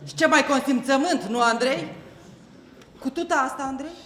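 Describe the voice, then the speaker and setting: Scornful jealous girlfriend yelling insults, sharp bright voice, roomy stage. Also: sits high, slight background noise. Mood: furious. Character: jealous, furious woman, the director's partner. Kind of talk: stage play acting. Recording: echoey theatre hall.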